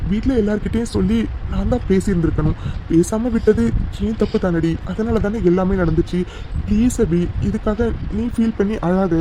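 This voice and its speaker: Guy doing a young lover in a cartoon, high voice, earnest and sweet, a bit of faint noise behind. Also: mellow, close to an everyday voice. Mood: soothing. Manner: earnest, affectionate, teasing. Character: young man, devoted lover, formerly grumpy. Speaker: narrating voice actor. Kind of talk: cartoon voice acting.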